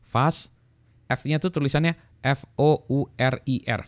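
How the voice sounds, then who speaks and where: Seorang pria setengah baya, dosen teknik elektro, bercerita santai, bertele-tele dan sering terkekeh, dengan nada yang kadang melonjak. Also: male voice, a little slow, no room sound. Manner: rambling, chuckling, lively pitch jumps. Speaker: lecturer in electrical engineering. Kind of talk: casual vlog talk.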